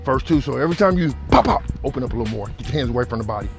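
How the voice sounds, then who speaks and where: A man's voice: medium pitch, lively intonation, very fast, soft background music. A man in his fifties who coaches athletes, calling out footwork drills and counting beats in an upbeat, instructive way. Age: 50s. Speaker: speed coach.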